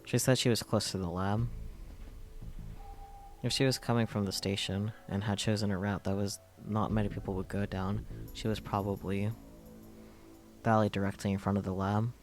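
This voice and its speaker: A low-pitched male voice reads a visual novel's script aloud, mixing narration with his own asides. Game music plays clearly behind him. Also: level tone, normal speed, long pauses. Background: game music and Japanese voice acting.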